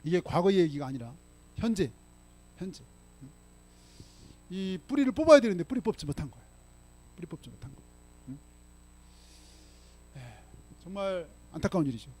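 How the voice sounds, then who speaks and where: This man is a pastor preaching in a church sanctuary, his high, very animated voice darkish in tone, at a normal speed with frequent pauses. He reads scripture aloud with force and prods the congregation with repeated questions and rhetorical "응?" and "예?" prompts.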